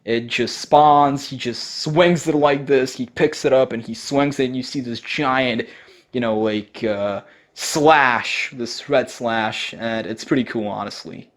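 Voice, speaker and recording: A man giving casual voice-over commentary on game footage, talking informally and rambling with plenty of fillers and the odd swear. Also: mid-range voice. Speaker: gaming video creator.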